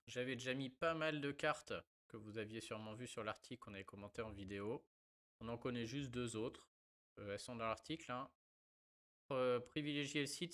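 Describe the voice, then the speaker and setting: A card game content creator with a mid-range, slightly bright voice chats casually about decks and a giveaway. His gameplay commentary is loose and packed with fillers.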